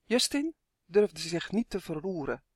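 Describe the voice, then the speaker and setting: A reader narrating a children's storybook calmly and evenly. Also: mid-range voice, unhurried, slightly rough, no echo, clean studio sound. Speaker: audiobook reader.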